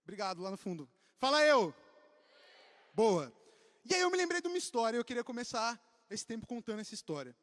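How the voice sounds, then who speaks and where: Young Brazilian youth pastor, bright high register, jokey and animated, in a reverberant auditorium. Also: male voice, racing, hardly any pauses. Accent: Brazilian Portuguese. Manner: joking, animated, addresses the crowd. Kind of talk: casual youth sermon with jokes. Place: church auditorium. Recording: long hall reverb.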